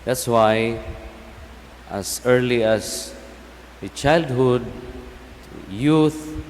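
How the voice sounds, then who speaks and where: A Filipino man, a native Cebuano speaker, preaching as a priest in a solemn, measured way with pauses between short phrases. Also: medium pitch. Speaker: priest giving a homily. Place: large church, speaking through a sound system. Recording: long basilica echo, some background noise.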